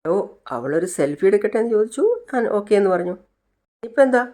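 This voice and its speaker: A man's voice: high voice, brisk, pitched above the performer's own voice. A narrator retelling a TV serial scene, voicing Siddhu, an easygoing young man who teases and chuckles. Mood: teasing. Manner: relaxed, teasing, chuckling.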